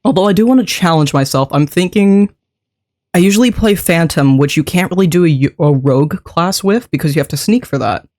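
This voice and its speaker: Feeling somewhat sick, a game streamer speaks with a deeper-than-usual voice while casually chatting to a live audience, rambling, laughing often, and greeting and thanking viewers. The intonation is lively, the pace a bit quick, and the tone somewhat dark.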